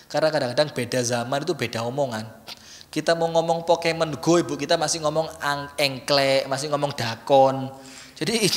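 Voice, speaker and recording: A man, preaching a sermon in a lively, conversational way that teases his listeners. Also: fairly high pitch. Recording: long hall reverb.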